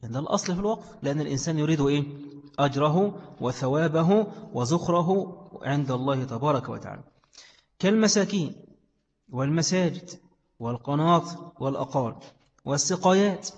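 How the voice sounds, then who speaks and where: Egyptian guy teaching a lesson, asks then answers his own questions, bit high voice, dull muffled recording. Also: animated, quick pace, long pauses, darkish tone. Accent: Egyptian Arabic. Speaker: religious studies teacher. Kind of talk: classroom lesson explaining a text. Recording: echoey hall, dull lo-fi sound.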